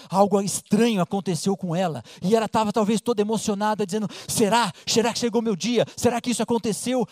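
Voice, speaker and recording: A man preaching a sermon with a Brazilian Portuguese accent, telling a story in a colloquial, lively way and acting out the voices. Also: high-pitched, no room sound, clean studio sound. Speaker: pastor.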